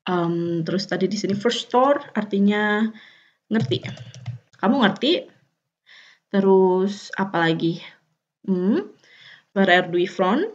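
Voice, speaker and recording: A young woman with an Indonesian accent, teaching a casual language lesson and thinking aloud between words. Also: mid-range voice. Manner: thinks aloud, many fillers. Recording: dull, muffled sound.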